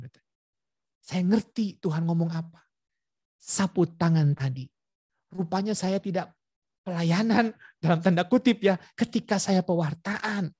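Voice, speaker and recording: At an online prayer meeting, a male preacher with a high voice recounts a personal story, playing out the exchanges between people and frequently turning to speak straight to his audience. The video-call audio is close and dry, without any echo or room sound.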